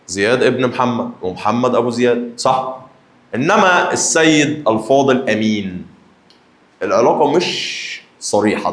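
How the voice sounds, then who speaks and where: Young Egyptian-accented male math teacher, teasing classroom banter, mid-pitched, echoey room. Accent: Egyptian Arabic. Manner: teasing, addresses students directly. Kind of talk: lively classroom lesson.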